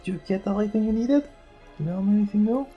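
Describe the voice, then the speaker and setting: A woman's voice: mid-range voice, quick pace, lo-fi sound. A woman chatting casually as a player in a tabletop game, playful and dry. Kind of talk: casual chat. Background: faint music.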